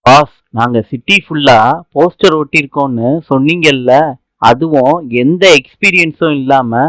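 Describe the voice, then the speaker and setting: A man's voice: medium pitch, normal speed, a bit bright, no room sound, close to an everyday voice, low-quality recording. A man voicing an eager young woman explaining things earnestly to her boss, in a serial recap narration. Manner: earnest, talkative.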